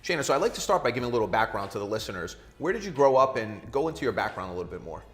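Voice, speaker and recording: A man hosting an interview segment, friendly and brisk with a promotional manner. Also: mid-range voice, very animated. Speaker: interview host. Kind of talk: hosted interview.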